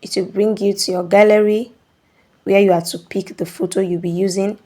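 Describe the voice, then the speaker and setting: A woman's voice: medium pitch, steady tone, moderate pace, dark tone. A woman hosting a screen-recording tutorial, explaining steps patiently and checking in with "okay?". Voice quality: instructive, repeats "okay?" to check in. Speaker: tutorial host.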